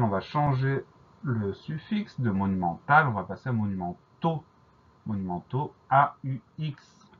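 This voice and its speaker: A man teaching a French spelling dictation lesson, spelling each word out letter by letter in a slow, deliberate way. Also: on the low side, phone-quality sound.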